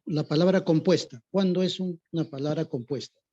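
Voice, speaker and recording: Man, student, polite question, slightly high voice, dull lo-fi recording. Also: a little fast, mellow, a little hiss or hum.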